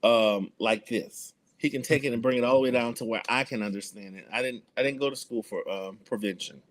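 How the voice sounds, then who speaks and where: A man with a medium-pitched voice speaks a little fast as an activist guest in a conversational interview. He's earnest, with many fillers and restarts.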